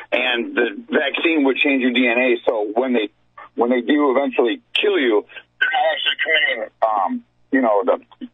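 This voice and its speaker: A man's voice: medium pitch, husky, no room sound. Man on a crackly, fading phone line. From Ohio. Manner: rambling, hesitant with many ums. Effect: crackly speakerphone line fading in and out. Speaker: caller. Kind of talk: call-in radio chat. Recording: tinny, dry phone line.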